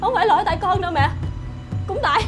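Actress as young scheming wife, high and sugary, pleading; web drama with music bed. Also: female voice, racing. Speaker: daughter-in-law. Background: background music.

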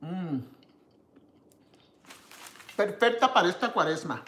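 A woman's voice: lowish voice, expressive, slow pace, a bit bright, echoey room, slight background noise. A woman from Mexico hosting a live cooking stream, tasting her dish with contented hums and greeting viewers by name. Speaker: cooking show host.

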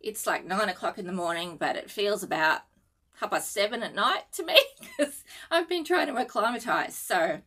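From her living room, a middle-aged Australian needlework designer who vlogs talks casually to the camera, giggly and slightly nervous on little sleep, with plenty of fillers and restarts. Her medium-pitched voice is expressive and a bit bright, at a moderate pace.

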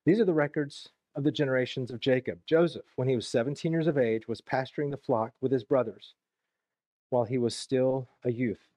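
Male pastor, Southern US accent, warm mellow tone, dry close sound, expository sermon with casual asides. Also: medium pitch, no room sound. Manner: conversational, reads verses then adds plain asides. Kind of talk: expository sermon reading scripture with commentary. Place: church sanctuary.

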